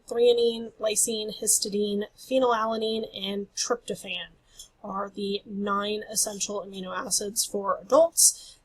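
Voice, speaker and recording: Losing her voice, a woman instructor gives a recorded lecture over slides, explaining things while apologizing for how she sounds. Her mid-range voice is husky, and the recording quality is low.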